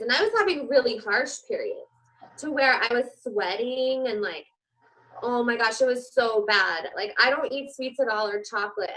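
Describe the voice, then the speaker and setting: A woman in her forties chats casually on a talk show. Her voice sits a little high and sounds bright and sharp. She tells her stories with animation and slips into the voices of the people she quotes. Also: poor audio. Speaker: guest host. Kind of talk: casual chat.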